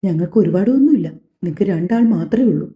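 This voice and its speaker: A woman's voice: on the low side, animated, fast, warm tone, natural voice. A woman voicing a stern, protective middle-aged father who insists his daughter stay home, in an audio story. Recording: echoey, slightly dull home recording.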